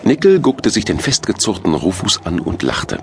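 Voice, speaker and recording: A man narrating a children's audiobook with expressive storytelling. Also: deep voice, normal speed, slight background noise.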